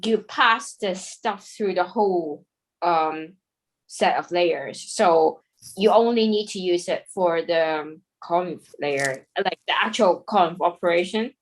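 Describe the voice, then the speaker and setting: A woman's voice: lowish voice, slow pace, rough recording. A woman in an online study group patiently explaining a coding question over a video call, with casual fillers.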